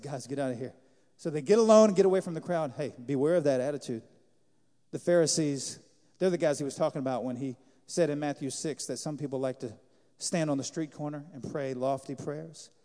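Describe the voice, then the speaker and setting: A man preaching a sermon as pastor, animated, acting out the lines he quotes. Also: on the high side. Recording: reverberant hall.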